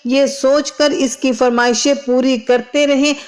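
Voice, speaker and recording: A woman narrating a moral storybook with slow, steady reading. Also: high-pitched.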